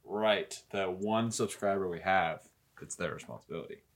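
A man's voice: deep voice, moderate pace. A young man co-hosting a podcast in casual chat, laid-back and joking. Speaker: podcast co-host.

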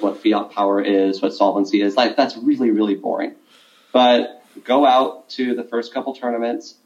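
A man with a fairly low voice speaks as a guest on a podcast, giving earnest advice as a debate coach. His talk is full of "like" and "um", and his audio sounds dull and muffled. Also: a little mellow. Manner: earnest, filler-heavy with "like" and "um". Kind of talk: casual interview guest.

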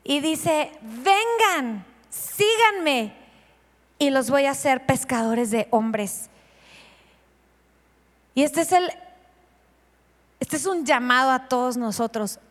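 A woman's voice: high voice, slow, long pauses, big-room sound. A woman pastor preaching a sermon, asking the congregation questions and acting out the scenes she tells. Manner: lively, asks the congregation questions and acts out scenes.

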